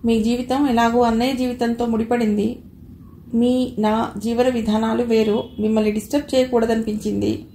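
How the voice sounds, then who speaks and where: A steady, kind young man, as a female reader puts him on, soft and reassuring in a storybook reading. The voice is a little gravelly and mellow, heard in a roomy space with a faint hiss behind it. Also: fairly high pitch, moderate pace, natural voice. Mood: calm. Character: calm caring young man, gentle and steady.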